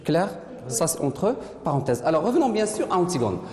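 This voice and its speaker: A woman's voice: low-pitched, sing-song, brisk, crowd noise. A woman teacher leading a French literature lesson in a classroom, patiently repeating her pupils' answers. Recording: echoey classroom, noisy, from a distance.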